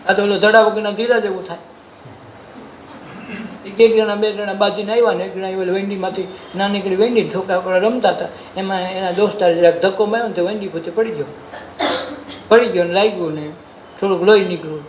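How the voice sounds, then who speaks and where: A man's voice: high-pitched, fairly even intonation, fairly quick. A man with a Gujarati accent giving a devotional sermon, folksy, asking questions and answering them himself. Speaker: satsang preacher. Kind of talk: devotional sermon with sung verses. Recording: echoey room with faint noise.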